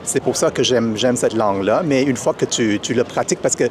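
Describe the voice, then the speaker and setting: A festival volunteer, born in Vietnam and a native Vietnamese speaker, stumbles through a street interview outside at a city festival, full of fillers and restarts. He talks a little fast in a mid-range voice, with a crowd audible behind him.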